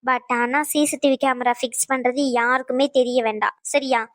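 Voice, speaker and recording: A woman's voice: sits high, steady tone, moderate pace, no echo, clean studio sound. A woman doing cartoon dub voice acting in a bossy, scolding manner. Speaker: cartoon voice actor.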